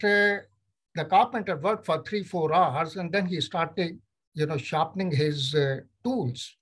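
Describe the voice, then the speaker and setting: Speaking Indian English with Punjabi as his first language, an older man from Punjab tells his life story as an interview guest; he's a neurologist on a video call from home. His voice sits high with a breathy edge, and he narrates in a measured way, performing the dialogue he quotes.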